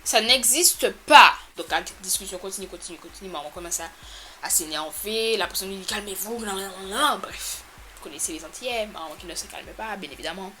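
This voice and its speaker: A woman telling a storytime to her camera in a casual, animated, exasperated way, with sudden loud jumps in pitch. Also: a little fast, heavy background noise. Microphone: camera mic.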